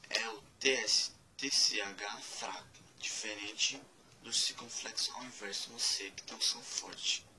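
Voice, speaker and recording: Male tutor, unhurried, spells and repeats, a touch low, faint room hum behind. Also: steady tone, bright, forceful tone, poor audio. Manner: slow and deliberate, spelling out letters and repeating words. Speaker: language teacher. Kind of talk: casual spoken lesson.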